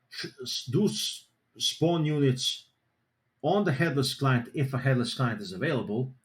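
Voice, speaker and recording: A man running a seminar over a group voice chat connection. He explains in a loose, rambling way, packed with "you know" and restarts. His mid-range voice comes through with a roomy echo. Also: medium pitch. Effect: group voice chat audio. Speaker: seminar presenter.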